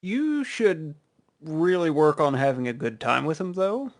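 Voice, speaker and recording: Gravelly laid-back man. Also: fairly high pitch, very animated, a little slow. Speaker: podcast co-host. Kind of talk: casual chat.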